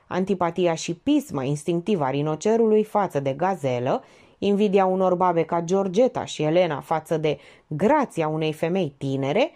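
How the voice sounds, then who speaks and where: A woman reading an audiobook aloud in an expressive, dramatic way. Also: lowish voice. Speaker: audiobook reader. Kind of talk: audiobook narration.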